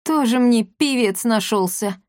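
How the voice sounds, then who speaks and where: A woman's voice: medium pitch, brisk, a little mellow, no room sound, studio quality, natural voice. A woman voicing a grumpy, sarcastic male cat who grumbles snide remarks.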